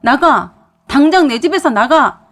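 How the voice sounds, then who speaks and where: Woman voicing a shouting domineering husband. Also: a little high, sing-song, moderate pace, breathy edge. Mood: angry shouting. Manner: loud and scolding.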